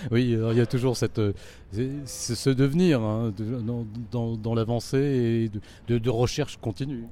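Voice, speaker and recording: Male interviewer, hesitant, mellow, faint background hum. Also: mid-range voice, fairly even intonation, a little slow. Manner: hesitant, many fillers. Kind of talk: interview questions.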